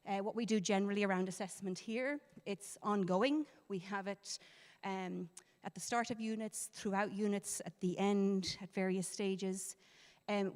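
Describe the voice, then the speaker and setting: A woman with an Irish accent, a teacher giving a lively, chatty presentation to parents in a school hall and laughing easily. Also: medium pitch. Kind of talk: interactive presentation. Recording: reverberant hall.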